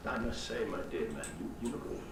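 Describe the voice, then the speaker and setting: Man voicing a genteel older Victorian gentleman, game dialogue, formal measured speech, distant, roomy, noisy audio. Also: fairly low pitch, lively intonation, natural voice. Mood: solicitous. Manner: formal, measured, old-fashioned phrasing.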